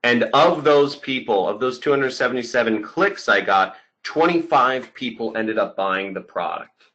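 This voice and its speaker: Bright-voiced man pitching a webinar. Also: animated, normal speed, muffled recording. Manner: emphatic, repeats key points, often checks in with "okay". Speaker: online marketing coach and presenter. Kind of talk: webinar sales pitch over slides.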